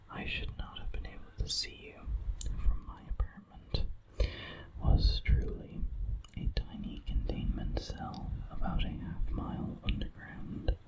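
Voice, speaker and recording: Someone reading a horror story in an ASMR whisper, very close to the microphone, right in the listener's ear, with measured pauses. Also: rough recording.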